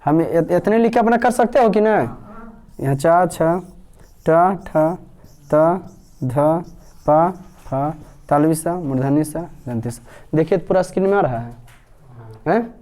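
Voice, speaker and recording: Male teacher, slow unhurried dictation, quizzes the class. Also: a little high, lively intonation, a little mellow. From Bihar, India. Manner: dictates slowly word by word, quizzes students. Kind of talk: classroom grammar lesson.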